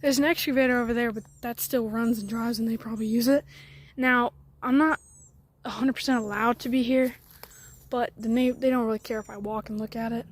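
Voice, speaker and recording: This garage channel host, a woman, talks fairly quickly in a fairly high, steady voice. She rambles in a chatty way during a casual walkaround vlog by an old truck in the woods, occasionally lowering to near-whispers.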